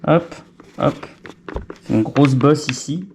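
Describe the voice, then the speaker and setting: Guy tinkering and muttering to himself, warm low-key voice, bit of hiss behind. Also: slow pace. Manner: chatty, muttering to himself, self-mocking. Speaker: vlogger fitting a helmet intercom. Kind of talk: casual talk to camera while working.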